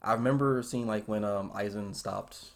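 A man's voice: lowish voice, normal speed. A young American man hosting a casual anime chat, thinking aloud in an earnest, hesitant way. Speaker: podcast host.

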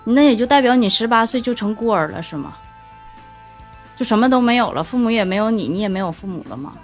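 A woman's voice: a little high, animated, fast talker, faint music behind. A woman co-hosting a talk show, arguing through sarcastic rhetorical questions. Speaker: co-host.

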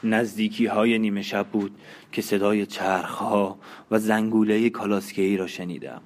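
A man narrating a novel in the first person, in a measured, dramatic storytelling manner. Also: lowish voice, slight background noise. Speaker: audiobook narrator.

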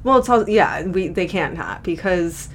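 A woman's voice: on the low side, lively intonation, unhurried, a little hiss or hum. A young adult woman co-hosting a podcast in casual, candid chat, laughing often. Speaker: podcast co-host.

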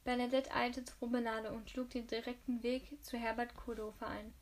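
A woman reads a novel aloud in a high, fairly flat voice. She stumbles often and backs up to restart her phrases. The delivery is steady but unpolished. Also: normal speed. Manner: frequent slips and restarts. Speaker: audiobook reader.

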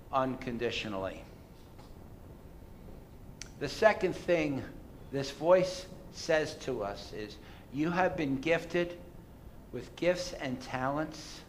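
Male pastor, sermon, slow deliberate delivery, slightly high voice, faint rumble behind. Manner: emphatic, rises loud on key phrases then drops quiet.

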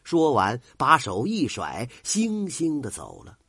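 Expressive older man telling a folk tale. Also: slow pace, husky, no echo, studio quality. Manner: dramatic, highly expressive. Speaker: storyteller.

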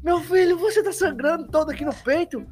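A man putting on a shrill, frantic mother in a panic. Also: a little fast, darkish tone. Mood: panicked. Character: panicking mother crying out over her bleeding son.

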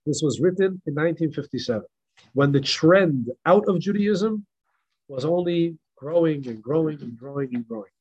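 A man, a rabbi, teaching a Passover class with animated, emphatic repetition and stories. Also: a little high, moderate pace, husky, highs cut off. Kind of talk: Passover class reading and storytelling. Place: synagogue in El Paso.

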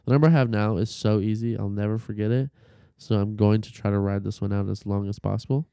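A man's voice: on the low side, quick pace, warm tone, clean tone, no room sound, clean studio sound. A man on a casual podcast, telling a long story with profanity, fillers and restarts. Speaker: podcast co-host.

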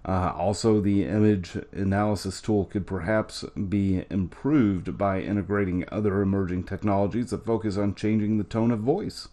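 Lowish voiced guy reading news out on a chat show, dry jokes. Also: steady tone, moderate pace, hardly any pauses, dark tone. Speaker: co-host.

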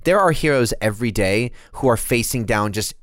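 A man's voice: mid-range voice, animated, fairly quick, no room sound. A man co-hosting a podcast, chatting about a movie in a reflective, emotional way with dry asides. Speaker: podcast co-host. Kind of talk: casual movie discussion.

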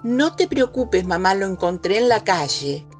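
A woman's voice: big pitch swings, unhurried, faint music behind. A woman voicing a pleading, mischievous little girl with a Rioplatense accent, whiny and insistent. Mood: wheedling. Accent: Rioplatense Spanish. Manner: whiny, insistent, high-pitched.

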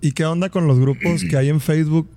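A man's voice: a little high, steady tone, brisk, dark tone, a little hiss or hum. A man with a northern Mexican accent co-hosting a casual chat and asking friendly questions. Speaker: podcast co-host.

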